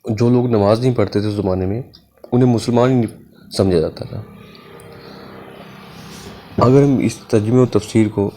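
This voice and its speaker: A man reads a scripture commentary in an earnest, measured way, then preaches on prayer in a casual tone. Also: lowish voice, mellow. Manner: measured, earnest reading with unhurried pauses. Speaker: religious speaker.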